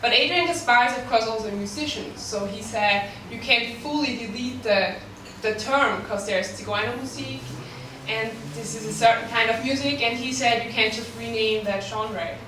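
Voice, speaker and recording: Speaking at a normal pace in a slightly high voice, a young staff writer with an Austrian accent and German as her first language delivers a brief prepared talk. Her earnest manner is sprinkled with many ums and light laughter. She's recorded from a distance in an echoey room with noise behind her.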